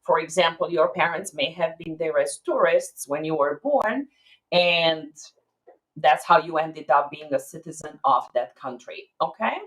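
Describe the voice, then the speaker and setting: A woman's voice: sits low, expressive, unhurried, rough recording. Woman attorney doing a live stream q&a, walks through rules step by step, keeps asking okay?. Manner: explanatory, peppered with "okay?". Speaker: immigration attorney.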